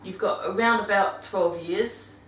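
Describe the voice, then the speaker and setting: A British woman chats about looking after dogs in a casual monthly vlog, rambling and often correcting herself mid-sentence as she shares her tips. Her voice is medium-pitched, a little slow and slightly bright. The distant mic gives a roomy sound, with slight background noise.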